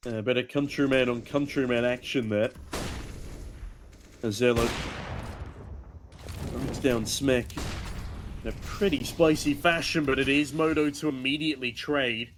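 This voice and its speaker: A man's voice: medium pitch, steady tone, a little slow, pauses often. A man working as an esports caster, giving play-by-play commentary on a shooter match. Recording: gunfire and game noise behind. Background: video game gunshots and clicks.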